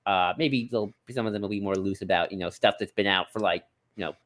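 A man co-hosts a podcast, chatting casually in a rambling, hesitant way and often circling back over his own phrases. His voice is lowish and fairly bright, and he talks fast.

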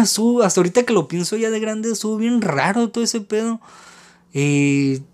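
A man's voice: high-pitched, a little mellow. A man with a Mexican accent telling a personal story on a podcast in a rambling, slangy way, with many fillers. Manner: rambling and slangy, lots of filler words and restarts. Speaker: podcast host. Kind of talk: casual anecdotal storytelling.

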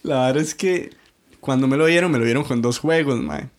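A man's voice: medium pitch, fairly quick. A young man with a Costa Rican accent, telling a rambling story in casual chat and saying "mae" over and over. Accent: Costa Rican Spanish. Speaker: podcast co-host. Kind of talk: casual chat among friends.

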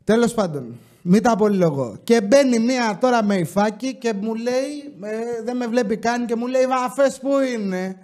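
A man's voice: extremely high pitch, expressive, a little mellow. A man hosting a casual podcast, joking around and reading listeners' stories aloud. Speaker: podcast host.

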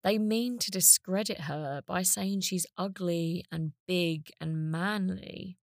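A woman's voice: on the low side, slow, no room sound, clean studio sound. A woman podcast host delivering scripted narration. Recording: spoken over music.

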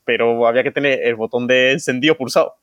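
A man's voice: mid-range voice, no room sound, highs cut off. A man telling a childhood story in casual chat among friends. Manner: fast, animated anecdote telling with quoted voices. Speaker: podcast co-host.

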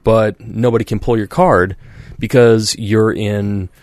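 Speaking slowly with fairly even intonation, a podcast host with a fairly low, darkish male voice rambles casually, restarting and saying "like" and "you know" while mimicking quoted voices. It's a dry, close recording with no surrounding room.

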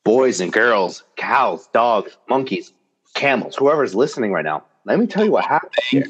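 A man hosting a casual chat, telling a dating story in an animated, joking way. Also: moderate pace, breathy edge. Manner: animated and joking, with big pitch jumps. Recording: slightly dull, lo-fi sound.

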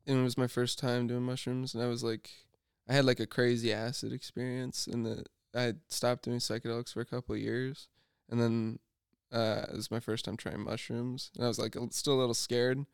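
A man's voice: medium pitch, little pitch movement, brisk, vocal fry, few pauses, clean tone, dry recording, clean studio sound. A man in his twenties casually telling a long, rambling story on a podcast, often stopping himself and laughing at himself. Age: 20s. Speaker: podcast co-host.

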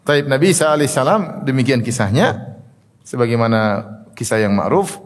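A man's voice: medium pitch, lively intonation, normal speed. Man teaching in a reverberant hall. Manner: explains Arabic terms and narrations, often adds "ya" and "apa namanya". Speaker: Islamic teacher. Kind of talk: religious study lecture.

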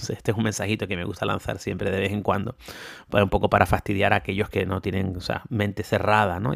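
A man's voice: lowish voice, vocal fry, no echo, clean studio sound. A man from Tenerife with a mixed Canarian and peninsular Spanish accent, hosting a casual solo podcast in a chatty, enthusiastic way with many fillers and tag questions. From Tenerife, Canary Islands. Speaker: podcast host.

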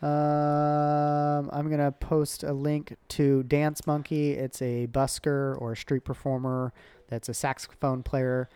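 A woman's voice: deep voice, little pitch movement, slow, warm tone, clear, resonant tone, dry recording. A woman hosting a casual podcast chat, rambling with lots of ums. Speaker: podcast host.

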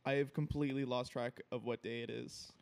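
A man's voice: medium pitch, steady tone, fairly quick, vocal fry. A man co-hosting a podcast, talking in casual, conversational banter. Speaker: podcast co-host.

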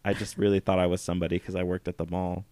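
A man's voice: low voice, level tone, very fast, mellow, dry recording. A man co-hosting a podcast in casual chat, telling stories in a brash, profane way and laughing often. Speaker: podcast co-host.

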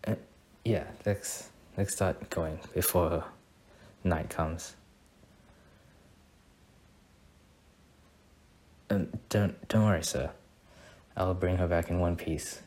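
Playing a shy, sweet student boyfriend in an ASMR roleplay, a man sounds soft-spoken, bashful and admiring on a first date. He speaks in a low, fairly flat voice with a slow, hesitant delivery.

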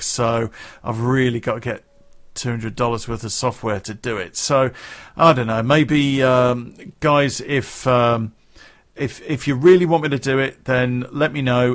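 A man vlogging to his viewers in a casual, rambling way. He swears freely and often restarts his sentences. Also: mid-range voice. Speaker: gaming vlogger.

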